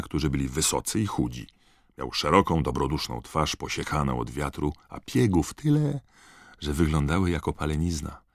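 A man reading a story aloud as an audiobook narrator, expressive and scripted. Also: extremely low pitch, dry recording, studio quality.

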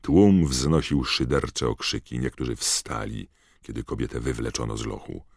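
Deep bass male narrator, measured storytelling, dry close sound, audiobook. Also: gravelly, darkish tone, slightly rough, dry recording. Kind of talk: scripted narration.

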